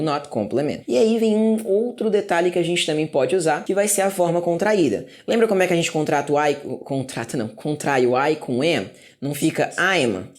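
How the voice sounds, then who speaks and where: A man's voice: a little high, a little mellow. Chatty man teaching grammar at a whiteboard. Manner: chatty, repeats key words slowly and checks in with "ok?". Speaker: English teacher. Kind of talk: casual classroom explanation at a whiteboard.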